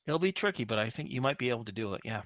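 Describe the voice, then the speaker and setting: A man narrates a tabletop role-playing game as its game master. His voice is bright and forceful at a middle pitch, explaining things conversationally, and it sounds close and dry. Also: lively intonation, very fast, dry recording.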